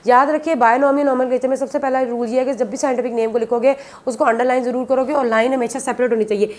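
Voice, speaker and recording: High-pitched and steady, with a darkish tone and quick pace, a woman teaches a biology class. She repeats and patiently explains each idea, regularly using "beta" when speaking to her students.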